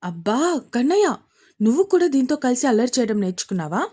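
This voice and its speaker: A woman's voice: fairly high pitch, big pitch swings, fairly quick, warm tone. A woman voicing an exasperated young mother scolding her family in a storybook reading. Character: scolding young mother, sharp-tongued but fond.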